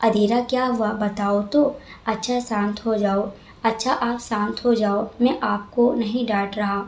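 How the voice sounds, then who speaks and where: A woman's voice: mid-range voice, flat delivery, measured pace, slight background noise, natural voice. A woman voicing a stern, brusque young male landlord who scolds curtly, in a storybook reading, recorded with a roomy echo. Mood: coaxing. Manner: curt and scolding, then coaxing.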